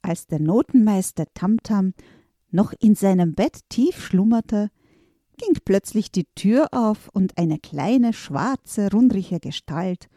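A woman reading a children's story aloud, expressive and clear. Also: medium pitch, slow, no echo, clean studio sound.

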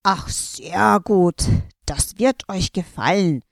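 A woman voicing a cheerful male magician who chants slow rhymes in a loud sing-song. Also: fairly low pitch, gravelly, dry recording, studio quality. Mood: explaining.

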